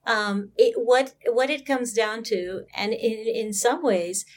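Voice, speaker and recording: A woman's voice: on the high side, takes it slowly. Female co-host, reflective advice-giving tone, casual; faint noise under the voice. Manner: thoughtful, searching for words. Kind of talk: casual podcast chat.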